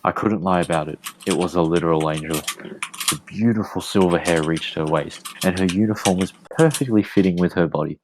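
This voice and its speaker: A man reading a romantic story aloud as a podcast host, in a calm, measured way. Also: low voice, background noise.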